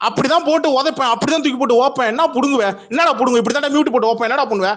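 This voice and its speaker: Man, high voice, rapid-fire, aggressive and mocking, arguing on a phone call. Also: fairly bright tone. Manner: aggressive, taunting, profane. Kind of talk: heated online audio-room argument.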